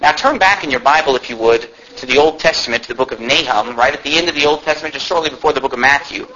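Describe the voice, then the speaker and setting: A slightly high-voiced American man preaches at a quick pace with a sharp tone, emphatically repeating himself and posing rhetorical questions to drive home his message. The sound is muffled lo-fi with faint background noise.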